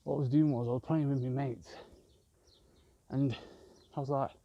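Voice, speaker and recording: A man's voice: mid-range voice, steady tone, normal speed, lo-fi sound. A man rambling and swearing constantly as he films a vlog on a walk outdoors in a park with his phone. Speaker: vlogger. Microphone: handheld phone camera.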